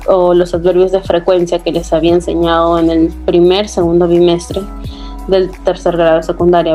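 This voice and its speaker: A woman English teacher with a Peruvian Spanish accent, giving a recorded lesson. She repeats key words, often asks "¿no?", and slows right down to model the English phrases. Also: on the low side, warm tone.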